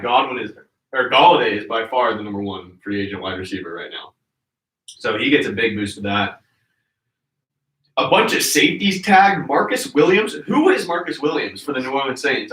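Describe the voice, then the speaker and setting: Male podcast host, rambling casual chat, bright voice, echoey room sound. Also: medium pitch, big pitch swings, a little fast, recorded from a distance. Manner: rambling, loose, lots of fillers.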